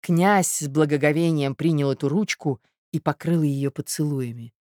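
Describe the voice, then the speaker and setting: A woman narrating a classic novel as an audiobook in a measured, even reading. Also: low voice, no echo, studio quality. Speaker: audiobook reader.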